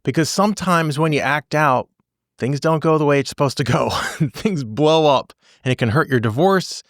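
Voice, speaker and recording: Animated male podcast host. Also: a little high, moderate pace, no room sound, clean studio sound. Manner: animated, repeats phrases for emphasis. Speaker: podcast host, divorce attorney. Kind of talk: casual podcast monologue.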